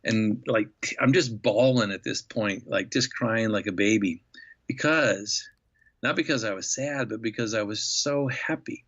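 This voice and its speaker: A man in his fifties from Nebraska, a podcast guest telling a travel story with animated enthusiasm. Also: lowish voice, a little slow, slightly rough, muffled recording. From Nebraska, USA. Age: 50s. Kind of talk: storytelling interview.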